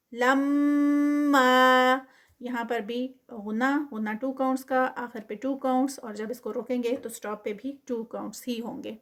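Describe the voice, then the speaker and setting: Woman teaching Quran recitation, slightly high-pitched. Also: darkish tone. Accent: Pakistani Urdu. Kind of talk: tajweed lesson, modelling each word then explaining.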